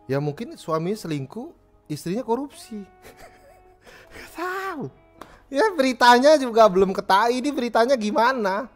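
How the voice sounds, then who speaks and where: A man's voice: extremely high pitch, expressive, fairly quick, soft background music. A man, a livestream host who reads viewer messages and gives joking, slangy advice. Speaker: streamer reading viewer messages. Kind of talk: casual livestream chat.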